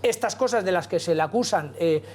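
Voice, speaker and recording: A Spanish man holding the floor in a heated TV studio debate. His voice sits high and he talks at a racing clip. He is colloquial and throws in rhetorical asides. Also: a little fast, darkish tone, slight background noise. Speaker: political talk show panelist.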